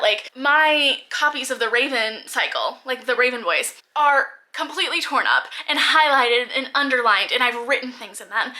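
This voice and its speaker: A woman's voice: sits high, bright, forceful tone. A young woman in her twenties chatting casually to camera about books at home, rambling with lots of fillers. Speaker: book vlogger.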